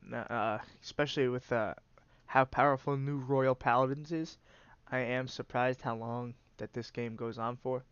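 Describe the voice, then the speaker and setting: Commentating a card game as its host, a man with a blocked, stuffy nose rambles in a mid-range, fairly even voice that's a bit bright and smooth, at a moderate pace. There's no echo, the highs are cut off, and he leans on many "uh" fillers and restarts.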